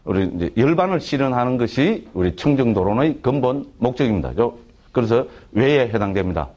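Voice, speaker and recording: A man's voice: mid-range voice, very animated, fairly quick, darkish tone. A middle-aged male monk giving a lecture to a class. He keeps asking rhetorical questions, checks with "right?" again and again, and slips in playful jokes between points.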